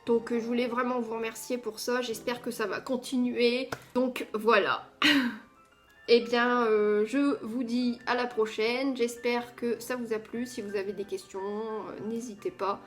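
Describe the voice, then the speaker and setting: A woman's voice: fairly high pitch, flat delivery, measured pace, faint music behind. A woman presenting her coloring books in a casual haul video, chatty, with many hesitant fillers. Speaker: coloring book vlogger.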